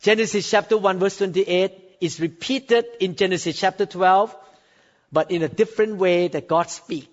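A man in his sixties, from Thailand, preaching a sermon with emphatic, drawn-out phrases and sudden rises in pitch. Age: 60s. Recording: dull sound with long hall reverb.

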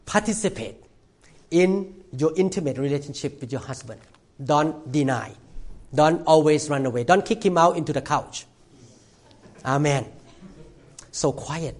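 A man's voice: on the high side, lively intonation, a little slow, long pauses, darkish tone. A middle-aged male pastor who is a non-native English speaker with simplified grammar, preaching a sermon with emphatic, repeated short phrases. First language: not English. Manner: emphatic short exhortations, repeats phrases, asks congregation for amens.

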